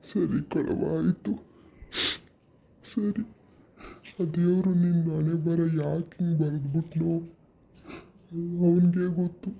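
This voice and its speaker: A man playing an earnest village uncle with a dark tone. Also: fairly high pitch, fairly even intonation, takes it slowly, vocal fry, long pauses, husky, full character voice. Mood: tender. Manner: earnest, pleading, scolding the aunt. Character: tearful, caring village uncle, middle-aged man. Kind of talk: village family skit.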